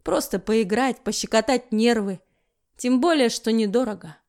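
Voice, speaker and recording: A woman reading a dramatic audiobook with an expressive delivery. Her voice sits somewhat high for a woman. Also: normal speed. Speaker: audiobook narrator. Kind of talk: audiobook narration.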